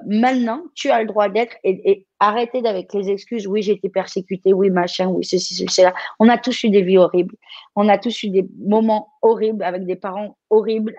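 A woman's voice: medium pitch, a little mellow, dry recording, lo-fi sound. French woman coaching, direct and encouraging. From France. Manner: direct, encouraging, many restarts. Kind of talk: live coaching session.

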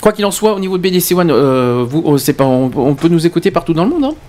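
Fast, lively man hosting a radio show. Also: a little high. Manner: jokey, excitable, stumbling over words. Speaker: radio host. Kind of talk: casual live radio banter. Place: local web radio studio.

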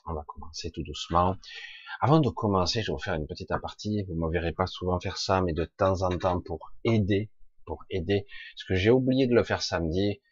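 Deep husky-voiced man chatting live. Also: fairly quick, lo-fi sound. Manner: chatty, reads out viewers' names, frequent hesitations. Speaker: live stream host. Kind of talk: casual live stream chat with viewers.

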